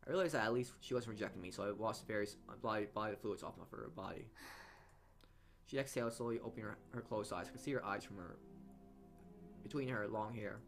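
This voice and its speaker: A man with a gravelly, fairly low voice reads a visual novel's narration quickly as a let's player, game music in the background. He stumbles over words often, corrects himself, and slips in his own remarks.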